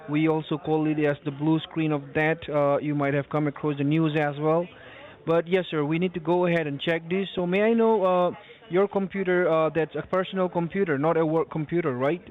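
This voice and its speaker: A man working as a call center tech support agent, speaking politely and haltingly in a scripted customer service manner. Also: a little high. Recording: tinny narrowband phone line.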